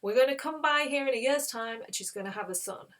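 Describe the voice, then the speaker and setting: A woman puts on stern angelic visitors in a storybook telling. Their replies come firm and matter-of-fact, a touch higher than her usual voice. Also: fast talker, fairly bright tone.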